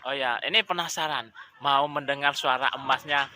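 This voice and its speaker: Bright-voiced male interviewer. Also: mid-range voice, moderate pace. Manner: friendly, prompting questions. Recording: faint background noise.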